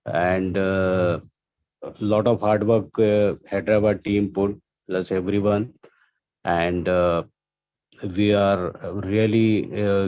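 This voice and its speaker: A man's voice: lowish voice, no echo. A man from India calling into a webinar, speaking hesitantly with many fillers. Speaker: webinar caller. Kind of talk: call-in remarks. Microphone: video call. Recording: dull lo-fi dry call audio.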